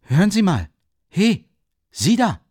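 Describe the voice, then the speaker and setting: A man's voice: on the low side, normal speed, gravelly, darkish tone, no echo, clean studio sound. A man voicing a tormented young student. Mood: agitated shouting. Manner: shifts between outbursts and bitter brooding. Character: agitated brooding young male student. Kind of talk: audiobook character voice.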